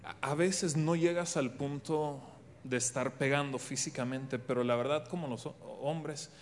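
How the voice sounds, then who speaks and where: A man's voice: a little high, fairly even intonation, a little slow. A man giving a live talk on marriage, offering joking, conversational advice to the audience. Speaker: speaker on marriage, husband. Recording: reverberant hall, faint background noise.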